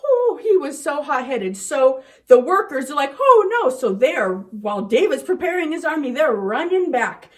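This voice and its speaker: Animated woman telling kids a Bible story. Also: sits high, moderate pace, hardly any pauses. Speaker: children's ministry teacher.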